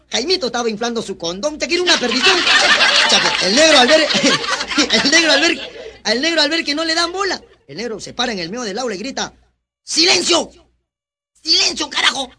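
Animated Peruvian stand-up joke teller. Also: male voice, extremely high pitch, a little hiss or hum. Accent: Peruvian Spanish. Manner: animated, slangy, laughing storyteller. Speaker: stand-up comedian. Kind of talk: live joke telling.

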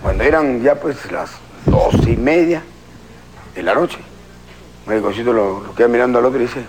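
A man's voice: medium pitch, normal speed, background noise. A man with a Peruvian accent telling a stand-up comedy story and acting out the dialogue of its characters. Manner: acts out the characters' dialogue with lively voices.

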